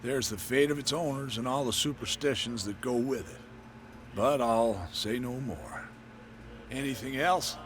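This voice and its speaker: An actor playing a wary, secretive island barkeeper in a video game. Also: male voice, mid-range voice, measured pace, fairly bright tone, slight background noise, close to an everyday voice. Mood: secretive, ominous. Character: guarded, world-weary male island barkeeper.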